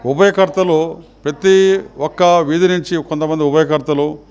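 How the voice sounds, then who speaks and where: A middle-aged man, a temple trust chairman, answering a reporter's questions in a formal, measured way with halting phrases. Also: on the high side, steady tone, a little mellow, smooth.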